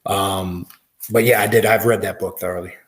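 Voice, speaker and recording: A man as a guest on a casual livestream interview, explaining at length in a measured way with frequent "uh" and "um". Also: low voice, fairly even intonation, fairly bright tone.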